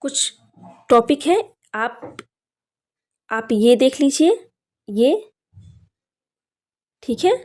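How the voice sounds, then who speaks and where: A young woman teaching an exam-prep grammar lesson, speaking slowly and deliberately and often telling students to look closely. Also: a little high, lively intonation, a little mellow. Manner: slow, deliberate, repeats "dekhiye" often.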